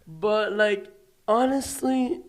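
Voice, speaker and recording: A young man co-hosting a casual podcast, talking in a halting, earnest way with lots of restarts. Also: sits high. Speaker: podcast co-host. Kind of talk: casual wrestling chat.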